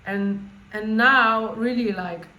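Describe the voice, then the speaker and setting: A woman coach leading an informal guided meditation, speaking off the cuff in a halting way and often rephrasing herself. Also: a little high, sharp tone, faint music behind. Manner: halting, spontaneous, with repeated words and rephrasing. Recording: echoey room with faint background noise.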